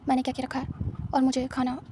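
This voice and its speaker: A woman voicing a lonely, wealthy young husband who speaks softly and teasingly to his partner. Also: high voice, monotone, quick pace, background noise, natural voice. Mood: tender.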